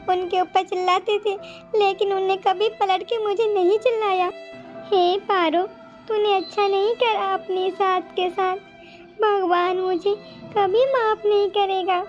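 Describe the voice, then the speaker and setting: A woman voicing a sharp-tongued young daughter-in-law in a cartoon, scolding and snappy. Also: extremely high pitch. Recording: slightly dull, music behind.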